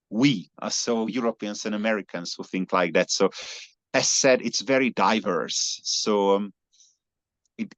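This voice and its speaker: A lowish-voiced Hungarian man, a native speaker, takes part as a guest in a conversational interview about his long-distance cycling. He's earnest, frequently restarting his sentences and using fillers, and the recording is echo-free yet slightly dull and lo-fi.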